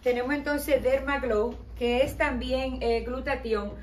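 A middle-aged Dominican woman with a somewhat high voice presents her skincare line in a measured promotional tone. She is heard from a distance in a small room with a noticeable echo. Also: a little hiss or hum. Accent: Dominican Spanish. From Dominican Republic. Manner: explanatory, promotional, steady with some hesitation fillers. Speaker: skincare company owner, interview guest. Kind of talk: product presentation in an interview. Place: small decorated showroom with balloons, indoors. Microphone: camera at a distance.

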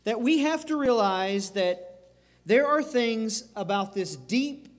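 Male pastor, sermon, high voice, slow deliberate delivery, long church reverb. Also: animated. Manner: earnest, emphatic preaching with repeated phrases and restarts. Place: church sanctuary.

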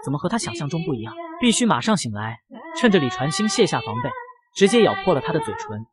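A woman narrating a manga recap in brisk storytelling style with playful asides. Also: low voice, sing-song. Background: loud background music.

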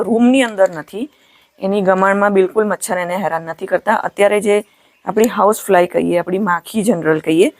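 A young woman with a Kathiyawadi Gujarati accent, chatting casually in a farm vlog and calling out loudly to her cows in a cattle shed. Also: medium pitch. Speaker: farm vlogger.

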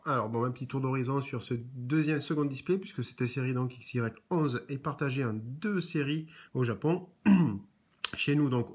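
A man with a husky, mid-pitched voice hosts a laid-back chat as he opens trading card packs. He jokes along and leans on small fillers and restarts. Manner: joking, chatty, frequent "donc" and "euh" fillers. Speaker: host of a card-opening channel. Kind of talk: casual chat while opening trading cards.

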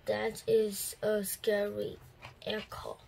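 A woman voicing a nervous bat living in a cave, reading slowly and plainly. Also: mid-range voice, monotone, vocal fry, darkish tone, a little hiss or hum, low-quality recording. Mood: uneasy. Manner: slow, plain read-aloud delivery.

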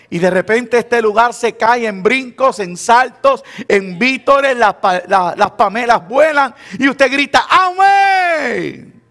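A man's voice: extremely high pitch, fairly bright tone. A man with a Puerto Rican Spanish accent, preaching a sermon as pastor in a conversational, teasing way. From Puerto Rico. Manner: conversational preaching, teasing the congregation, acting out quoted believers.

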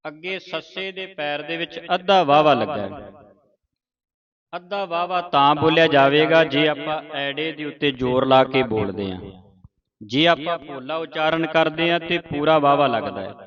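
A man teaching children to pronounce scripture, reciting slowly and carefully syllable by syllable. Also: on the high side, lo-fi sound, a crowd in the background. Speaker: Gurbani pronunciation teacher. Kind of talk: patient recitation lesson. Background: group of children.

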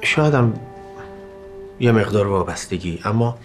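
A man's voice: lowish voice, expressive, faint music behind, close to an everyday voice. An actor playing a young man who coldly brushes off his cousin's feelings, speaking in a curt, dismissive way. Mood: cool. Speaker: actor in a TV drama. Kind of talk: TV drama acting.

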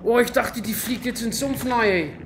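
A man with a Franconian German accent doing excited, casual gameplay commentary, full of loud exclamations. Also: extremely high pitch, normal speed, slight background noise. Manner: exclaims a lot, talks to his pet in the game. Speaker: let's player.

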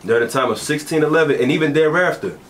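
A man preaching forcefully in a heated street debate, repeating and pressing his points. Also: a little high, fast, a little hiss or hum.

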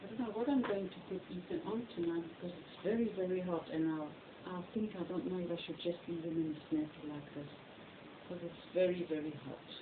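A woman's voice: lowish voice, fairly quick, phone-quality sound, background noise. A middle-aged woman from Belgium with a Flemish accent and Flemish as her first language, chatting in a rambling home vlog in her bedroom, recorded on a cell phone. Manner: chatty and rambling, fond of the word lovely. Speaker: reborn doll hobbyist. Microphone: phone camera on a stand.

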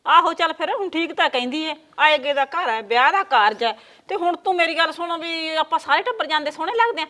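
A woman's voice: sits high, expressive, a little fast, pushed and bright. A woman playing a bossy older mother-in-law in a village family, talking bluntly and scolding, with a Punjabi village accent. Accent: Punjabi village speech.

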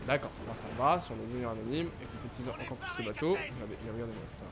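A man hosting a let's play, giving excitable gaming commentary and making playful blaster sound effects. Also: medium pitch, rapid-fire, heavy background noise. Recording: game music in background. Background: game music.

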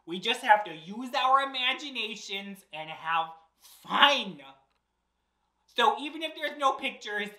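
The voice is mid-range and sharp-toned: a drag storyteller giving a lively children's read-aloud and chatty hosting with playful, exaggerated theatrics. They sit in an armchair on a small indoor set, and the recording carries noticeable room echo.

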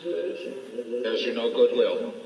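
A man's voice: medium pitch, very slow, gravelly, loud music behind the voice, rough recording. A man hosting a spirit box session in a casual, rambling, conversational way, often putting questions out. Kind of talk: casual monologue to camera. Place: indoor room with guitars and amp.

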